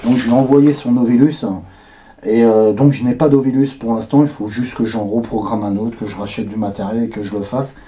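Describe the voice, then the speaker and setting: A man's voice: mid-range voice, steady tone, brisk, warm tone, lo-fi sound, slight background noise. A man streaming ghost hunts live, talking in a hesitant, rambling way. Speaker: paranormal livestreamer. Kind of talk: livestream talk.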